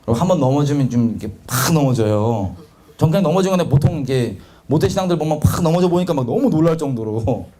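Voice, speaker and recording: Animated Korean man preaching a testimony. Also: fairly high pitch, quick pace. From South Korea. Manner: animated, confessional, acts out quoted voices. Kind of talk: testimony sermon.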